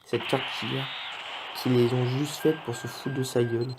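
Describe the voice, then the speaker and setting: A man giving live commentary on his game pulls in an excitable, joking way, often swearing and talking straight to his viewers. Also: medium pitch, moderate pace. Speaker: gaming video host. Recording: clear background noise.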